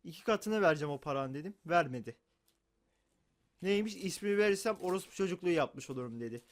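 A young man streaming, frustrated and prone to angry shouting, talking into a desk mic. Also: sits high, lively intonation, quick pace, no room sound. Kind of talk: live stream chat.

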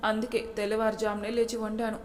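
A woman's voice: a little high, little pitch movement, fast talker, darkish tone, long reverb tail, close to an everyday voice. A woman doing a timid young daughter-in-law. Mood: tearful pleading.

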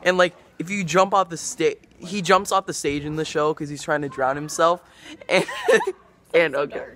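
A man's voice: a little high, steady tone, moderate pace, a bit bright. A teenage boy vlogging backstage at a theater on a handheld phone, rambling with lots of fillers. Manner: rambling, filler-heavy chatter. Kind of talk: casual backstage vlog. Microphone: handheld phone camera.

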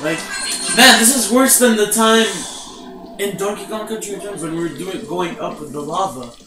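A young man in a casual let's play, teasing and swearing at his co-op partner and yelling at the game. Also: high-pitched, normal speed. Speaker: gamer playing co-op. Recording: echoey room, distant mic, loud game music.

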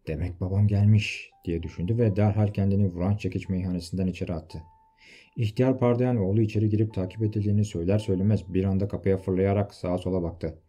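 Deep, dark-voiced male storyteller. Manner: steady storytelling. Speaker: audiobook reader. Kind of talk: scripted novel narration.

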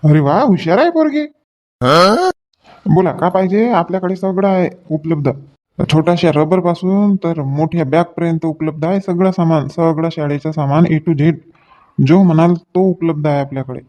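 A man's voice: a little high, normal speed, warm tone. Chatty man selling school bags. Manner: chatty salesman patter, joking with customers. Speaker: shopkeeper in a comedy sketch. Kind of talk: comic sketch acting.

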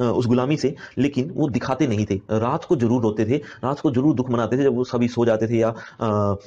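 A man's voice: mid-range voice, warm tone, muffled recording. A man teaching a class poem, reading each verse aloud and then explaining it in simple words, with many fillers. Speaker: Hindi teacher.

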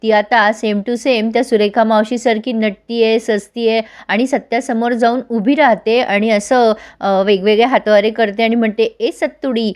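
A woman's voice: fairly high pitch, moderate pace, few pauses, clean tone. Woman retelling a soap episode. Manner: lively retelling, voicing characters' quoted lines. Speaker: TV serial recap host. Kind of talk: storytelling recap of a soap episode.

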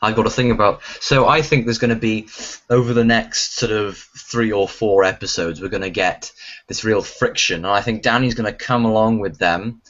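Low-voiced chatty man, lo-fi sound. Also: steady tone, normal speed, fairly bright tone. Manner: chatty, repeats words. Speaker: vlog co-host. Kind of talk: casual chat. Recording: dull lo-fi sound.

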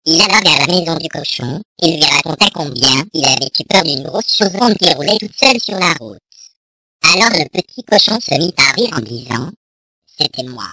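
A narrator reading a fairy tale aloud in a measured, even storytelling manner. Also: medium pitch, slight background noise, poor audio.

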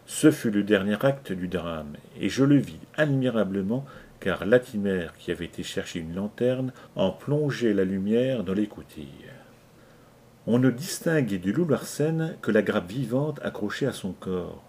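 Husky low-voiced male reader. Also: lively intonation, a little slow, a little mellow. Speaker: audiobook reader. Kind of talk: scripted narration.

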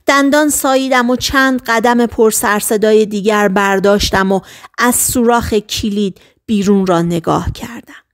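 A woman narrating an audiobook in the first person, in a steady, measured reading. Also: fairly high pitch.

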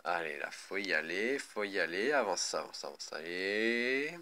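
A man's voice: deep voice, expressive, unhurried, sharp tone, slight background noise. A man commentating live on a mobile game as a raging gamer, irritable and prone to swearing. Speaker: gaming video host.

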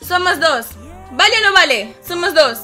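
High-pitched bright-voiced woman streamer. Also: animated, soft background music. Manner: chatty, greets viewers one by one and reads out comments; ends phrases with a low, drawn-out "hermano". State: voice strained, rough. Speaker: live-streaming gamer. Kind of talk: casual live-stream chat.

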